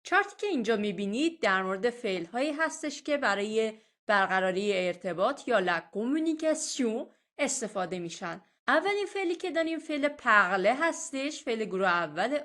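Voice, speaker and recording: A woman teaching French vocabulary in a recorded lesson. She says each French phrase slowly and clearly, then explains it in a softer voice. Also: on the high side, sing-song. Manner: patient and explanatory.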